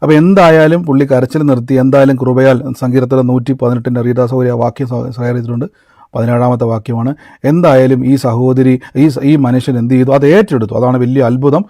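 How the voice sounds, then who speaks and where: A man's voice: medium pitch, steady tone, brisk, dark tone, no echo, clean studio sound. A man preaching a conversational sermon, telling a personal testimony and calling his listeners brother and beloved. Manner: storytelling, addresses listeners as brother and beloved, mixes in English words.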